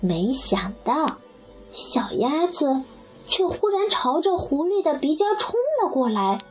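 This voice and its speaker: A woman gently reading a children's story aloud and speaking to the child listener. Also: sits high, very animated, slow, faint music behind.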